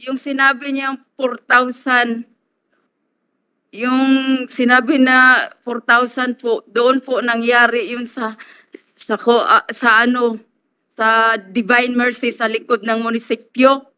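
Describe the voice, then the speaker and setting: A tearful woman testifying at a hearing as a complainant, halting and apologetic. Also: on the high side, level tone, sharp tone, smooth. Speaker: complainant witness. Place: hearing room.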